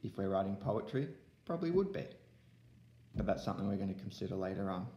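A young primary school teacher gives an online lesson to young pupils from a room at home, explaining step by step into his laptop webcam. His voice is low and warm, animated and quick, and the room sounds echoey.

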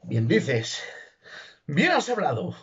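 A soaked young suitor declaims his love in a stage comedy, as a man puts him on. He sounds loud and husky, and the recording is muffled and dull. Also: fairly high pitch, huge pitch swings, slow pace, full character voice. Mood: ardent. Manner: declamatory, theatrical. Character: young male lover, soaked and pompous.

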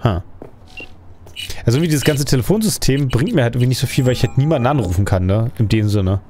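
A man's voice: medium pitch, lively intonation, fast, dark tone, a little hiss or hum. Rambling man commentating a video game. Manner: rambling, thinking aloud with frequent questions. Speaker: let's play gamer. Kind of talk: casual gameplay commentary.

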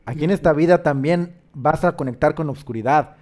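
A man's voice: fairly high pitch, fairly quick, a little mellow. A man, a host counseling a caller on spiritual matters, pressing his points with insistent rhetorical questions. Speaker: host giving spiritual guidance.

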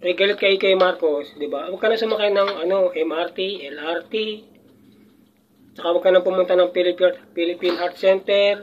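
An older man with a high-pitched voice talks casually, rambling with frequent restarts and chuckles. The audio is muffled and lo-fi. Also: steady tone, fairly quick, a little hiss or hum. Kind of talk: casual chat.

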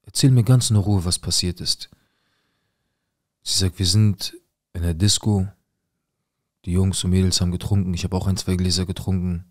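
A man with a low, deep voice recounts a personal ordeal and voices each exchange as he tells it. His delivery is intense and heated. The sound is dry and close, with no room echo. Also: flat delivery, moderate pace, long pauses. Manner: retells events with quoted dialogue, intense and heated. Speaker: guest recounting a personal experience. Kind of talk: emotional first-person account.

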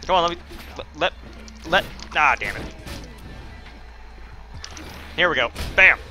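A man's voice: a little high, lively intonation, a little slow, bright, forceful tone, faint music behind. A man giving casual, rambling commentary while playing a video game, full of fillers and self-deprecating asides. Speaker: let's play host.

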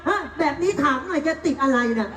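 A woman's voice: sits high, lively intonation, a little fast, very noisy. A woman playing a stubborn, defiant young son in live folk theater, teasing and indignant. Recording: echoey stage with loud music and crowd.

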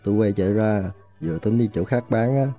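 An older lottery seller recounting his story in voice-over, his Southern Vietnamese narration plain and reflective. The voice is low and very mellow, over faint music. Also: brisk, creaky. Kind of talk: first-person voice-over narration.

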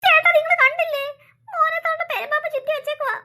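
A woman's voice: extremely high pitch, steady tone, fast, bright, forceful tone. A fretful cartoon mother. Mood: frantic. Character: caring young mother of the family. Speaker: cartoon character.

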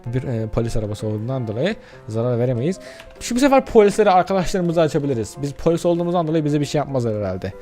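Excitable young-sounding man narrating gameplay. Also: mid-range voice, rapid-fire, faint music behind. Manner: excitable, chatty, curses casually at the game; addresses viewers directly. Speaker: gaming YouTuber. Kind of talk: let's-play commentary.

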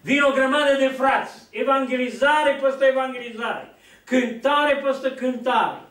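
Speaking in a very high, steady, slightly bright voice, an older man from Romania delivers a sermon from a church hall lectern. He tells stories, plays out the characters' lines, and gestures broadly, all captured from a distance by a camera in the echoing hall.

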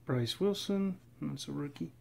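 A man casually narrating as he opens packs of trading cards, reading off names in a steady, relaxed list. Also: a little high, a little slow, gravelly. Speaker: card collector opening packs. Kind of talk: casual running commentary. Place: indoors at a table.

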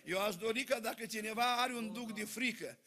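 A man preaching a sermon in church, telling folksy stories to his congregation with lively energy. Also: sits high. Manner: folksy, animated storytelling to a congregation.

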